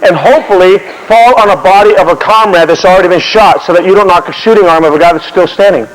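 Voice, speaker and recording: A man's voice: high voice, fast. A man telling a historical story in a lecture, acting out scenes and making sound effects. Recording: long hall reverb.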